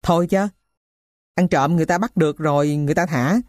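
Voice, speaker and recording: A woman voicing a poor middle-aged male thief who tells his story in a rough, blunt way. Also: sits low, a little fast, a little mellow, no room sound, clean studio sound, natural voice. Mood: gruff.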